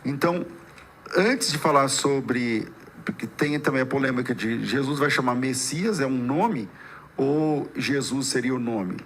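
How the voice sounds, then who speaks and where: A man hosting a podcast debate as a pastor, laying out a topic in measured, halting questions. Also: medium pitch, animated, fairly bright tone, slight background noise.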